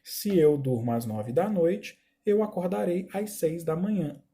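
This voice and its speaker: Man, Brazilian accent, English teacher, very dark mellow voice, fairly high pitch, patient step-by-step explanations. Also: a little hiss or hum. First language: Portuguese. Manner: explains step by step, slowing down to read English examples aloud; often checks in with "tá?" and "olha só". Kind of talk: recorded grammar lesson.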